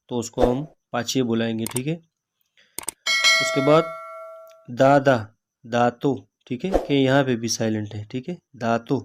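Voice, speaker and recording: Pakistani guy teaching words real slow, says each one a few times then "okay", plain mid voice. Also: mid-range voice. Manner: says each word slowly, repeats it, adds "theek hai" after it. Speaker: language teacher. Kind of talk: slow vocabulary lesson.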